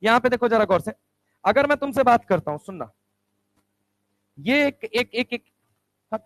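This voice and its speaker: A male chemistry teacher lecturing a class, firing quick rhetorical questions and answering them himself. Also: very high-pitched, animated, no room sound, rough recording. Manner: answers his own questions aloud.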